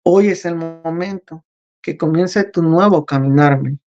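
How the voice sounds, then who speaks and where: A man voicing a gentle, calm divine father figure, speaking very slowly and softly. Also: a little high, muffled recording, soft background music, lightly acted. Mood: solemn. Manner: very slow, soft, solemn.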